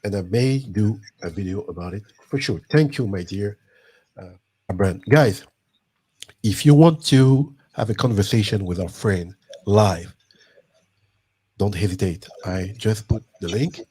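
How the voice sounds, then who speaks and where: A man's voice: lowish voice, unhurried, warm tone, a little hiss or hum. A man from Guadeloupe hosting a live online show, talking casually and eagerly, often repeating himself as he urges viewers on. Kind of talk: live stream chat.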